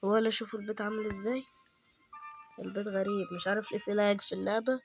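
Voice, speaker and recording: Egyptian man streaming a horror game: high-ish, excitable, chatty with viewers, screams at jump scares. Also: racing, creaky, dull audio, music in the background. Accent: Egyptian Arabic. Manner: excitable, yelps in sudden fright, chatty asides to viewers. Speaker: gaming YouTuber. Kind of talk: let's-play horror game commentary.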